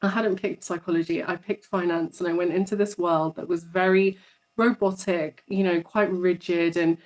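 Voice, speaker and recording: Chatty woman, low voice. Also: steady tone, moderate pace, low-quality recording. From London, England. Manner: chatty, storytelling, repeats words for emphasis. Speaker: psychologist guest. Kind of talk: casual interview conversation.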